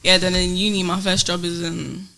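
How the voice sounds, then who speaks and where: A woman in her twenties, a podcast guest telling her story in a relaxed, casual way with slang and fillers. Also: lowish voice, moderate pace, creaky. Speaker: podcast guest, food business owner.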